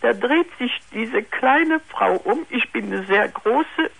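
An older woman calling a radio phone-in over the telephone, talking haltingly with many restarts. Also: fairly high pitch, expressive, gravelly, fairly bright tone, husky, poor audio. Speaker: caller.

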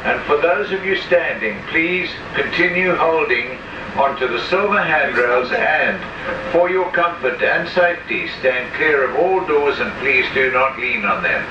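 A man giving a polite, measured public transit announcement over the loudspeaker inside a monorail car. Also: a little high, animated, noisy background. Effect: recorded loudspeaker announcement. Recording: roomy, distant, dull loudspeaker.

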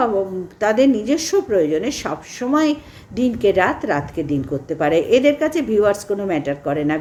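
A woman vlogger giving an indignant critical commentary, repeating her points with emphasis. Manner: indignant, repetitive, lively pitch swings.

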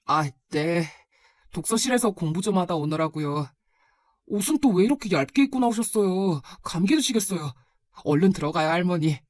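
A woman's voice: lowish voice, lively intonation, moderate pace, a little mellow, no echo, natural voice. Resentful teenage son, pointed and reproachful, read by a woman narrator. Dry, close sound. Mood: quiet, polite. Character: nineteen-year-old son, resentful but gentle with grandmother. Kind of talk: storybook narration.

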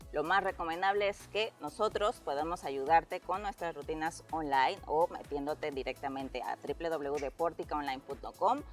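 A young adult woman, a personal trainer, explaining exercise tips in an upbeat, clear way outdoors in a park on a lapel mic. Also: sits low. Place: outdoor park workout area.

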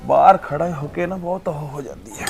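Fast-talking fatherly man. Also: on the high side, expressive, creaky, noisy background. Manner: warm, fatherly consoling. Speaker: uncle by marriage. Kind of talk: Punjabi short film acting.

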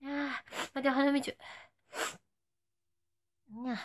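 High-pitched young nagoya woman being cute and playful on a stream for fans. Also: little pitch movement, slow pace. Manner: playful, cutesy, saying short phrases that fans request. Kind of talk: casual live stream chat.

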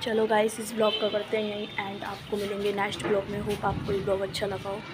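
A woman's voice: mid-range voice, monotone, fast, background noise. A woman chatting casually to her viewers in a daily home vlog, filmed on her phone and addressing them as guys. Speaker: vlogger. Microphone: handheld phone camera.

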